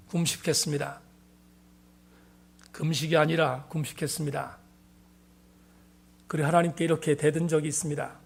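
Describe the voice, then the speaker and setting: Male pastor, middle-aged, emphatic sermon delivery; raised pitch with a gravelly edge. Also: a bit bright. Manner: earnest, emphatic testimony.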